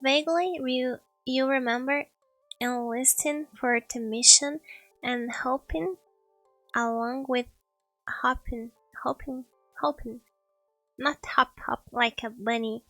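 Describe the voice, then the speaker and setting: A woman's voice: sits high, measured pace, pushed and bright, no echo, faint music behind, rough recording. A woman streaming a story game, chatting casually and reading its text aloud, giggling and tripping over words. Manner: giggly, trips over words and laughs at herself.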